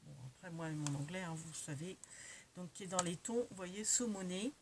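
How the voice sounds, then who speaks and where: A woman's voice: fairly low pitch, fairly even intonation, moderate pace. Chatty woman, noisy home recording. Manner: chatty, many fillers and self-corrections. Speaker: crafting vlogger. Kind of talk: casual show-and-tell of craft purchases.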